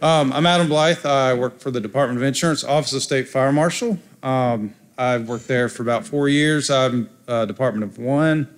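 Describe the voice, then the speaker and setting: A man giving a hurried conference presentation, with frequent fillers and restarts. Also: mid-range voice. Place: conference room.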